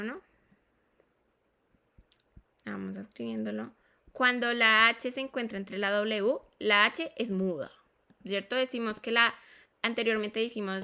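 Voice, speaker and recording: A woman's voice: medium pitch, pushed and bright, clear, resonant tone. A woman teaching English pronunciation, repeating words and checking in with her students. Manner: slow and deliberate, spelling sounds out. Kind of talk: classroom phonetics explanation.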